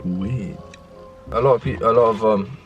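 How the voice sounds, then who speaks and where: A young man, teasing his girlfriend in a parked car during a casual vlog, excitable and quick to jump up in pitch. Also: highs cut off, faint music behind. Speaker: vlogger's boyfriend.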